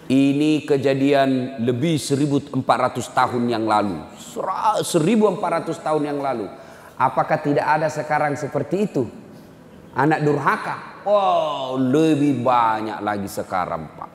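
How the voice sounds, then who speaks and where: A male Islamic preacher who gives a humorous sermon and acts out the voices in his stories. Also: mid-range voice. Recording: echoey hall with long reverb.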